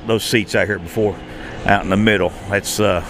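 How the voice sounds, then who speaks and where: This man's voice sits on the low side, steady and moderately paced, over a noisy background. He's a travel vlogger narrating an outdoor walk around a shopping and entertainment complex, rambling with lots of fillers and restarts.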